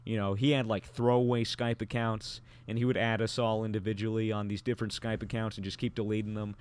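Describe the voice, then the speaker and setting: A man's voice: lowish voice, flat delivery, quick pace, darkish tone, clean tone. Rambling young man telling a story. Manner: rambling, many fillers and restarts. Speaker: podcast guest storyteller. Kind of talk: casual podcast storytelling.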